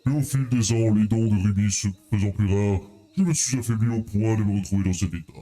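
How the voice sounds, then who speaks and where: A man voicing a weakened female great fairy with a distorted, garbled voice, talking slowly. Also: lowish voice, warm tone, voice pushed down. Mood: pleading.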